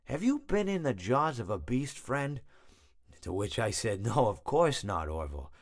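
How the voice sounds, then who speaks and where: A man's voice: mid-range voice, very animated, moderate pace. A man voicing a genial, darkly blasé animatronic hippo in a video game, telling stories in a rambling, hesitant, self-correcting way. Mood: reflective, rambling. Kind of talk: storytelling monologue, video game voice acting.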